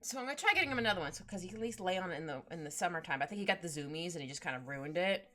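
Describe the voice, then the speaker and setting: A woman's voice: fairly low pitch, lively intonation, very fast. A young woman chatting casually with her live chat while she draws, giggly and bubbly, often trailing off and restarting. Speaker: streamer drawing live. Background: soft background music.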